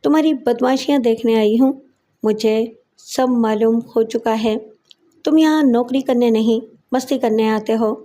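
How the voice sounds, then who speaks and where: A woman's voice: a little high, natural voice. Woman narrator voicing a furious jealous wife. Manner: shouting, scornful taunts. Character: hot-tempered jealous wife, middle-aged woman.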